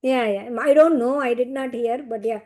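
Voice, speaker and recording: A woman's voice: on the high side, normal speed, a little mellow. Woman explaining scripture stories. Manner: digressive, explanatory, many fillers. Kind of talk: storytelling lesson.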